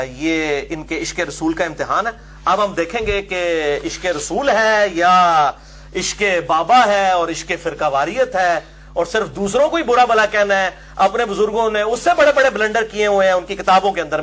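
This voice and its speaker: Emphatic high-voiced man lecturing. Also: fairly bright tone. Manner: emphatic, argumentative, addresses helpers to show pages. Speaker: religious lecturer. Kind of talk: religious lecture with book references.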